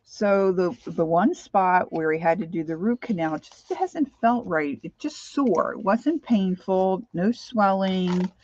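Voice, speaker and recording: This craft livestream host, a middle-aged American woman from Pennsylvania, talks casually and at length, addressing her viewers by name. Her medium-pitched voice is expressive and a bit mellow, slow-paced yet with hardly any pauses, and slightly lisped due to missing teeth. The audio has no echo but sounds dull and lo-fi.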